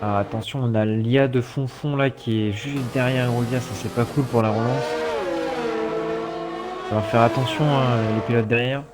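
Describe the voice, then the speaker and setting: A man's voice: mid-range voice, fairly even intonation, moderate pace. Male race commentator, mid-range voice, live motorsport calls with casual asides, music and engines underneath. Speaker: esports sim racing commentator.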